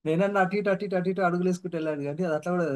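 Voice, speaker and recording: A man's voice: sits high, steady tone, very fast. A man giving a humble, earnest devotional testimony, repeating his points for emphasis. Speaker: devotee sharing his experiences.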